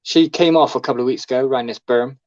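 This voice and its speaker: A man's voice: mid-range voice, quick pace. A man in casual chat as a podcast co-host, rambling and full of fillers. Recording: slightly dull lo-fi recording.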